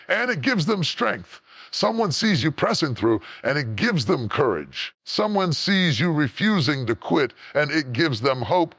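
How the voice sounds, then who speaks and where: A man speaks as a motivational speaker in a somewhat high-pitched voice, recorded dry and close. His delivery is a scripted, earnest address with emphatic, preacher-like repetition that builds phrase by phrase. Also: a bit bright, no room sound.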